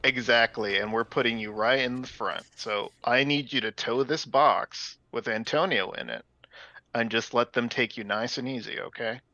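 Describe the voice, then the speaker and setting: Bright, forceful man in slightly dull audio. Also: mid-range voice, normal speed, no echo. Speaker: tabletop game player. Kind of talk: casual in-character table talk.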